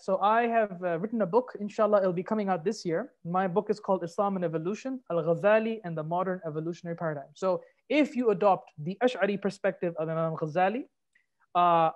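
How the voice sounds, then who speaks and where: A man from Kuwait giving a conversational guest lecture over a video call, explaining in a relaxed way and dropping in Arabic phrases. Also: high-pitched. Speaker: guest lecturer, assistant professor.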